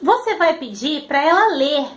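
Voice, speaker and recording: Very high-voiced woman teacher, roomy echo. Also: very animated. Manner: patient, sounds out syllables slowly. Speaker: literacy teacher. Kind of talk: explanatory teaching video.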